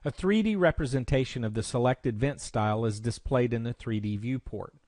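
Step by step, a man explains software in a screencast tutorial, speaking a little fast in a medium-pitched voice. The sound is dry, with hardly any room.

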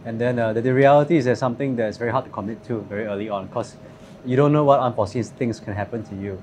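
A man in his thirties speaking in a thoughtful, measured way with fillers, interviewed at a restaurant table. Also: mid-range voice, a little mellow, a little hiss or hum. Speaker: company CEO. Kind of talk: interview conversation.

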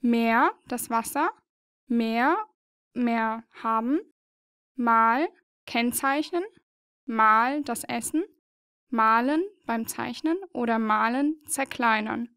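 A woman's voice: on the high side, takes it slowly, a bit bright, smooth, no room sound, clean studio sound. A woman narrating a learning video, patiently explaining and spelling out letters one by one in a scripted voice-over.

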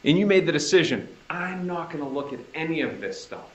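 A man's voice: fairly high pitch, sing-song, brisk, muffled recording. A man with a Boston accent cross-examining a witness in a courtroom, pressing her with leading questions that end in "right?". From Northeastern US. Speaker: prosecutor.

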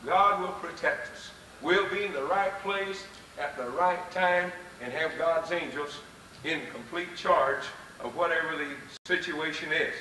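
A man preaching a fervent, folksy sermon with soft chuckles, recorded live in a hall on old videotape. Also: high voice, a little hiss or hum. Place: church or lecture hall. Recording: distant, roomy live VHS recording.

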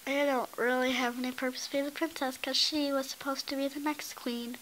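A woman's voice: sits high, level tone, a little fast, a bit bright, poor audio. A young woman improvising a princess role-play in a video game, with a dramatic, play-acting delivery. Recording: hissy home screen-capture recording.

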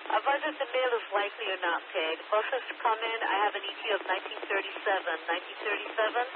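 A man's voice: high voice, quick pace. A man working as a police radio dispatcher, giving clipped, procedural calls and repeating addresses back over the radio. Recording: hissy, very noisy narrowband police scanner radio. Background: radio hiss.

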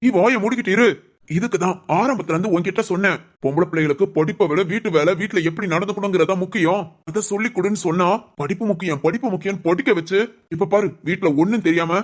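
A woman's voice: fairly low pitch, quick pace, close to an everyday voice. A woman voicing a strict, domineering middle-aged father who scolds his family in a cartoon family drama. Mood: stern.

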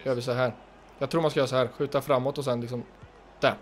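A man with a Swedish accent commentating his own football video game match, shouting encouragement at his players and breaking into excited bursts. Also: mid-range voice. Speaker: gaming youtuber.

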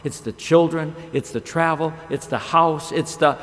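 This middle-aged pastor's voice sits on the high side and moves unhurriedly as he delivers a sermon at a podium microphone. He tells stories, poses rhetorical questions and gestures broadly, all inside a big chapel hall where the sound echoes with long reverb.

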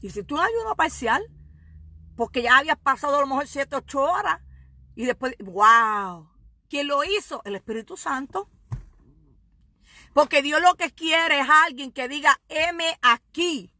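A woman evangelist preaching a sermon, fervent and swinging between shouted exhortation and quiet asides. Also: high voice, animated, a little slow, long pauses, no echo.

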